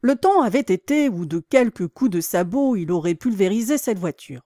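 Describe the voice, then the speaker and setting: A woman narrating a classic novel as an audiobook in a measured, dramatic storytelling manner. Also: mid-range voice, lively intonation, dark tone, dry recording, studio quality. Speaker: audiobook reader.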